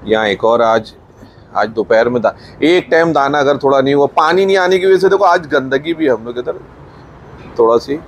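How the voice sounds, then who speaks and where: A man's voice: mid-range voice, normal speed, muffled recording, a little hiss or hum. Man with a Mumbai accent vlogging his farm. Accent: Mumbai Hindi. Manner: chatty, points things out, mixes in English words. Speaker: farm owner filming his buffalo feeding. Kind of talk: casual walkthrough vlog narration. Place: outdoor farm sheds.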